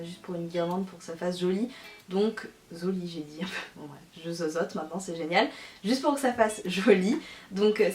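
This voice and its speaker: A woman's voice: medium pitch, a little mellow. Enthusiastic woman vlogger in a roomy space. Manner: enthusiastic, effusive. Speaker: lifestyle and beauty vlogger. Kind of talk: casual chatty favourites video. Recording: roomy echo, music behind. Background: music.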